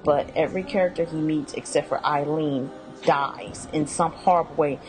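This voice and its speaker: Low-voiced woman rambling through a game rundown. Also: steady tone, normal speed, faint music behind, low-quality recording. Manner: rambling, many fillers and self-corrections. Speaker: video game commentator. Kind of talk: casual spoken character rundown.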